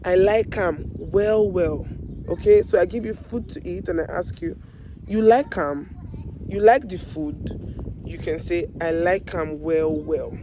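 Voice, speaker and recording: A Nigerian-accented woman with a hoarse, fading voice hosts an online video language lesson, speaking straight to viewers and repeating everyday example phrases slowly and deliberately. Her pitch is fairly low and her tone dark, and the rough recording carries slight background noise.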